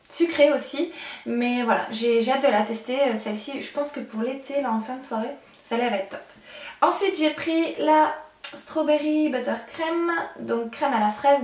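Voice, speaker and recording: A young adult woman chatting casually through a shopping haul, with many fillers and restarts. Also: high-pitched. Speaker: beauty vlogger. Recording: echoey room, mic at a distance.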